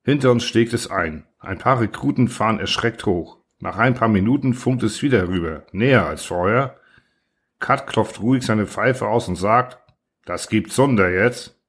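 A male audiobook narrator with a fairly low voice reads a story in a measured, somber way. His pacing is even and deliberate. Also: breathy edge. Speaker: audiobook reader. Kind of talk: scripted literary narration.

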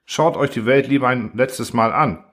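A man's voice: mid-range voice, moderate pace, a bit bright, voice pushed up, natural voice. A man reading an audiobook voices a vain, boastful thinking machine with a metallic, indifferent manner. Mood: smug. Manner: smug, indifferent, self-important.

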